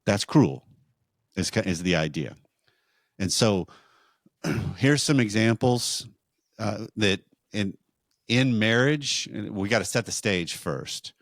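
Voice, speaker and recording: A man co-hosting a marriage podcast, teaching in a measured, explanatory way with rhetorical questions. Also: on the low side, expressive, dry recording, clean studio sound.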